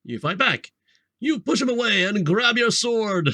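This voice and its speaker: A man with a slightly high, forceful voice plays through a fantasy text game. He moves between dramatic reading and loose banter, with very animated intonation. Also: unhurried, no room sound. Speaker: game player narrating. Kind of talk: casual chat and dramatic game narration.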